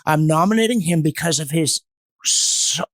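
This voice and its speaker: A man appears as a podcast guest and history commentator in an intellectual discussion, erudite, emphatic, argumentative and strongly opinionated. His voice is a little high and a bit bright, at a moderate pace, on a dry recording.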